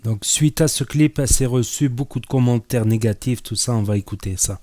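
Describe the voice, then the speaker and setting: A man's voice: mid-range voice, a little fast, warm tone. A man casually introducing a reaction video as its host. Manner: casual, plain spoken.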